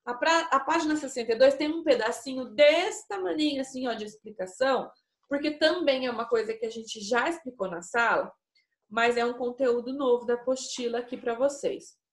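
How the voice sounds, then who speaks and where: A Brazilian woman teacher with a fairly high voice walks young pupils through a lesson step by step. She talks slowly and patiently and keeps checking that they follow. The sound is roomy and echoey, as in a classroom. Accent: Brazilian Portuguese. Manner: patient, slow and explanatory, addresses pupils, checks with "né?" and "tá?". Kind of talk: recorded remote class lesson. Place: classroom with a whiteboard. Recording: echoey room.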